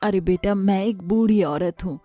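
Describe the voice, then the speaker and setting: A woman voicing a gentle, pleading old mother-in-law in a storybook tale, speaking softly and meekly. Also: medium pitch, moderate pace, soft background music, lightly acted. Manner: soft, meek and pleading. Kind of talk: storybook voice acting.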